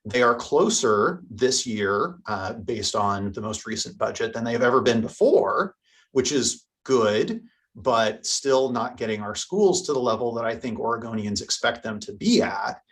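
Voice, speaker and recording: A woman interviewed about school funding, speaking deliberately and earnestly. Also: a bass voice, lively intonation. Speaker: interviewee on education policy. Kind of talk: news interview soundbite.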